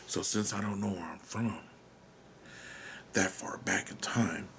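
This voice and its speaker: An American podcast host rambles through a solo monologue in a lowish, unhurried voice against a noisy background. He muses, questions himself and trails off, at times dropping to a whisper and swearing casually.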